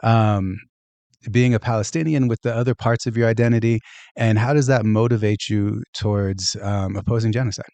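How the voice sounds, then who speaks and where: A man from the United States hosts the conversation in an easy, soft-spoken manner. His voice sits somewhat low, and the sound is dry and close. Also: steady tone, moderate pace, no echo. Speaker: podcast host. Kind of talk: casual interview talk.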